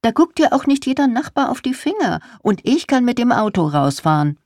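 A reader voicing Inge, a practical older wife who is patient but insistent. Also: female voice, on the high side, sing-song, fairly quick, a little mellow, dry recording, clean studio sound, voice pushed up.

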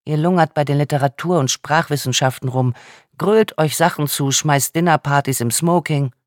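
A man voicing a sharp-tongued young female student who mocks and teases. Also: fairly high pitch, moderate pace, no echo, clean studio sound, lightly acted. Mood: mocking. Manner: teasing, mocking.

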